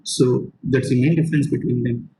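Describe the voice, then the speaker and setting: A man's voice: medium pitch, fairly even intonation, moderate pace, warm tone, a little hiss or hum, rough recording. A man teaching an online class, explaining points step by step and repeating them, with frequent fillers. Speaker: lecturer.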